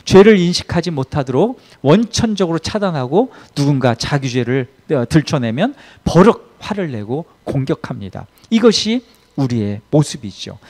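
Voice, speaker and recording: A man preaching a Sunday sermon as pastor, telling a story with emphatic swings in loudness. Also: fairly high pitch.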